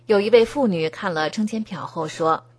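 A woman reading scripted news narration in an even, formal tone. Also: mid-range voice, normal speed, breathy edge. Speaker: news reader.

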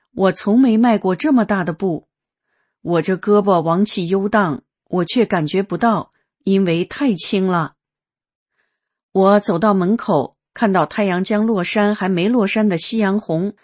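A woman reads a first-person testimony aloud in an earnest, unhurried way. Her voice is mid-pitched and a little husky, and she tells the story calmly.

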